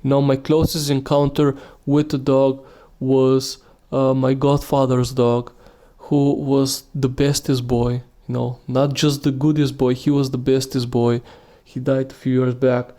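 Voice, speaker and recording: A man's voice: mid-range voice, flat delivery, a little slow, mellow. A man hosting a solo podcast, talking casually and rambling with many restarts and fillers. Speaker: podcast host.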